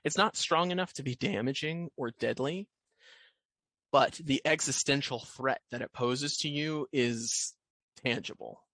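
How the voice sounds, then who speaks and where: Man as game master, bright, dry, measured scene-setting narration. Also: medium pitch, dry recording, poor audio.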